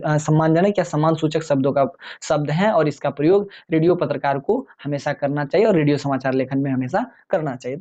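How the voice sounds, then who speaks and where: A man explaining exam topics in a relaxed, conversational lecture, addressing viewers as friends. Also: fairly high pitch, lo-fi sound. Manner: chatty, many fillers and restarts. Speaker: exam tutor.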